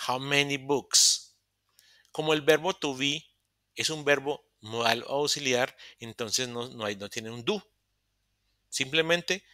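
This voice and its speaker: Male teacher, online lesson, patient step-by-step explainer with a bright tone on a dry, close computer mic. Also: medium pitch, dry recording. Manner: explains step by step, repeats phrases, self-corrects. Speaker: English teacher. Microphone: computer microphone in a virtual session.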